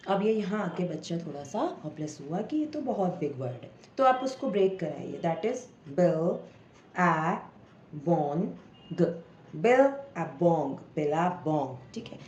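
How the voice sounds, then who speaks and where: Woman teacher walking parents through reading tricks, kind of low and mellow, echoey room w/ faint noise. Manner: patient, explanatory, sounds out word parts slowly. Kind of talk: home tutorial for parents.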